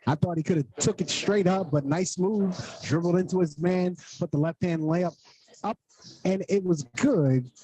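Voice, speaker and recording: A man calling basketball play-by-play for a network broadcast, rattling off plays and scores in a steady, quick rhythm. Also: high voice, rough recording. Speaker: play-by-play announcer.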